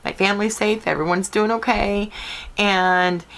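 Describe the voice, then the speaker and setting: A woman's voice: medium pitch, fairly even intonation, a little slow, a bit bright, slight background noise, rough recording. A woman hosting a paranormal channel, chatting casually and informally to her viewers. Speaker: paranormal video host.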